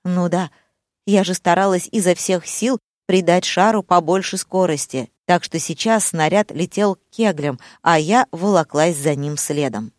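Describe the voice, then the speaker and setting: A woman's voice: lowish voice, unhurried, dry recording, studio quality. A woman narrating an audiobook in a wry, ironic first-person voice.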